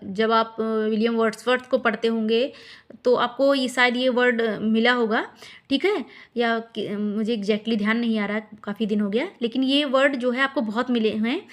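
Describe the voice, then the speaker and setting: Her pitch fairly high and her tone steady, a woman from India coaches exam students on tough English words. She repeats every word and its meaning patiently, spelling it out letter by letter, and her delivery is full of pauses and fillers.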